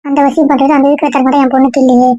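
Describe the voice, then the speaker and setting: A woman's voice: sits high, level tone, very fast, mellow, dry recording, close to an everyday voice. An actress playing a stubborn, complaining woman in a family comedy-drama skit. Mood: lamenting. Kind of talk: casual web-series acting. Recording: dull lo-fi dry sound.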